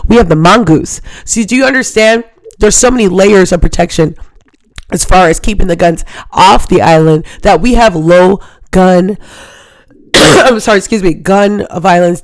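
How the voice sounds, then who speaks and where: A woman from Hawaii hosts a live call-in talk show, ranting emphatically and rambling while often asking listeners if they understand. Her voice is medium-pitched, with no echo.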